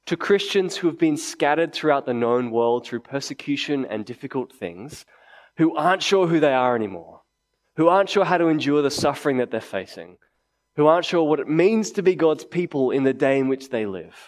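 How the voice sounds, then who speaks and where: A man's voice: on the high side, animated, a little fast. Male preacher giving a conversational sermon. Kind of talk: sermon to a congregation. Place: indoors, church meeting before a congregation.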